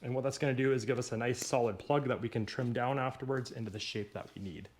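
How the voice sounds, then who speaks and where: A man's voice: mid-range voice, steady tone, fast talker, darkish tone. A man hosting a casual do-it-yourself video, rambling and joking with himself while he works through a repair in his home workshop. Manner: rambling, jokey, talks to himself while working. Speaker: DIY video host.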